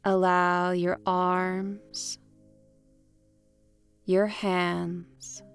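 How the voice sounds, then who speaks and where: Leading a guided imagery relaxation, a meditation guide speaks extremely slowly over soft instrumental music, her short phrases spaced by long pauses. Her delivery is gentle and deliberate yet flat, her voice on the low side, and the tone is clean.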